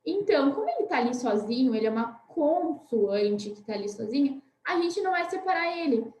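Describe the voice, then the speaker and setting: A Brazilian woman teacher giving a recorded class for young children, patiently spelling words out slowly and often checking in with "né?". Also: high-pitched, big pitch swings, a little mellow, echoey room, poor audio. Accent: Brazilian Portuguese. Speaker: primary school teacher.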